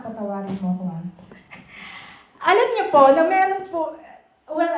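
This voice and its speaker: A woman's voice: on the high side, darkish tone. A woman with a Filipino accent giving an earnest personal testimony during a worship service, moving between Tagalog and English. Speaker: church testimony speaker. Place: church hall. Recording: echoey church hall, voice from far off.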